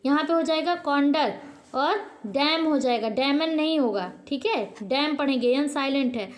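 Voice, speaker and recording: A woman with a high, light voice teaches a lesson to her channel's viewers, drilling each point by asking a question and answering it right away. She pauses often and corrects herself mid-word.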